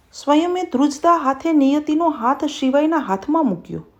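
Woman, storyteller, high voice, tender scripted narration. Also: darkish tone.

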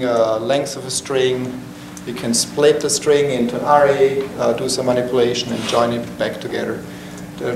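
A middle-aged man from Switzerland giving a technical talk to a small meetup, halting with many fillers and restarts. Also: medium pitch. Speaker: meetup presenter. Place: conference room, standing by a projector screen. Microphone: far camera. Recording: echoey room from far off, noisy.

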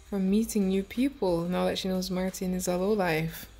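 A woman's voice: on the low side, steady tone, normal speed, dark tone, faint music behind. A woman gaming YouTuber giving chatty, giggly let's-play commentary, bossing her characters around.

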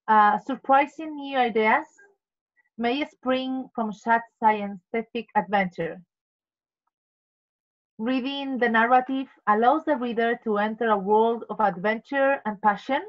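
A woman's voice: fairly high pitch, unhurried. A woman presenting in an online meeting in careful non-native English, explaining and reading out definitions. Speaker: meeting member presenting word of the day. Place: video call. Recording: dull video-call audio.

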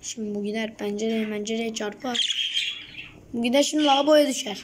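Young woman, high voice, coaxing and soothing, vlog at home, noisy recording. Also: fairly quick. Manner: coaxing, soothing, slips into soft whispers. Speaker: vlogger. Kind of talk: casual vlog talking to a pet bird. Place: home indoors.

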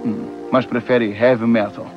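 A man's voice: mid-range voice, little pitch movement, unhurried, lo-fi sound, over music, natural voice. A man voicing a wry, joking writer. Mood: playful. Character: witty, easygoing middle-aged male writer. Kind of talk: Brazilian Portuguese film dubbing.

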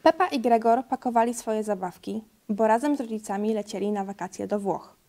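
A woman reading a children's picture book aloud in a steady, clear way, now and then tripping over a word. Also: fairly high pitch, a little fast. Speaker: storybook reader.

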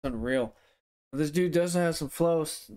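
A man's voice: a little high, moderate pace, a little mellow. A young man giving casual, slangy, profane reaction commentary, his speech affected by a swollen face and sore tooth. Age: young adult. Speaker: music reaction host. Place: living room at home.

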